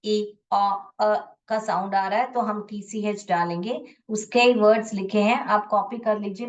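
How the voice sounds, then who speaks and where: A woman teaching an online phonics lesson, sounding out words syllable by syllable and patiently asking her class questions. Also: medium pitch. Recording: voice a little distant from the mic.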